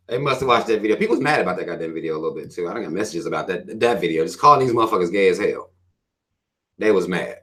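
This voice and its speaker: A man's voice: fairly low pitch, sharp tone. A man with a Southern American accent hosting his own channel, ranting bluntly and profanely in a casual livestream while reading out viewer comments. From US South, Carolinas.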